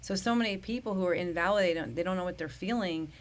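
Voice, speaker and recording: A middle-aged woman psychologist talking earnestly in an interview, with frequent restarts. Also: lowish voice. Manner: earnest, talks fast with restarts. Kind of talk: conversational interview.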